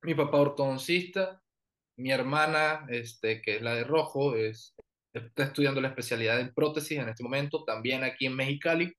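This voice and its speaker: Colombian coastal man, relaxed and hesitant. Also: mid-range voice, normal speed. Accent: Colombian Caribbean coast. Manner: relaxed, frequent fillers and restarts. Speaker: orthodontist guest. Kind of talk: professional interview and presentation.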